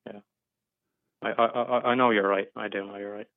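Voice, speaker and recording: Calling in over a tinny phone line for casual advice, a twenty-something man from England hesitates and stammers through many restarts. His voice is on the low side and gravelly, steady in tone and fairly quick. The recording is dry.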